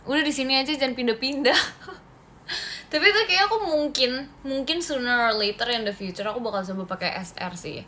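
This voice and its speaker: A woman's voice: high voice, animated, normal speed, bright, forceful tone, slight background noise. A young woman from Indonesia hosting a casual phone livestream, chatting with viewers, answering comments and laughing often. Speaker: idol livestream host.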